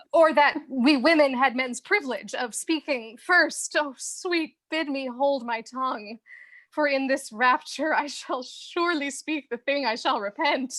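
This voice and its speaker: A woman's voice: sits high, bright, forceful tone, full character voice. An actress playing a witty young woman in love, flustered and laughing between lines of stage verse.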